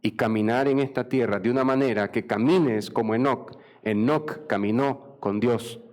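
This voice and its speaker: A man preaches a sermon. He speaks with passion and acts out the dialogue between God and Jacob, and his voice sits at an ordinary middle pitch for a man. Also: moderate pace, a little mellow. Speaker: pastor.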